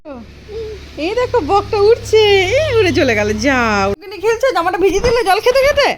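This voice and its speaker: With a very high voice, big pitch swings, and a slightly fast pace, a young mother of a small child chats casually as she narrates her family home vlog. Her informal talk comes through a noisy home recording full of background ambience.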